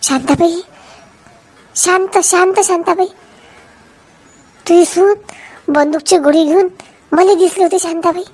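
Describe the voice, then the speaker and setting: A woman's voice: very high-pitched, steady tone, unhurried, long pauses, a little mellow, voice pushed up. A woman doing a nosy, needling village neighbour. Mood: sly. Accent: Varhadi Marathi.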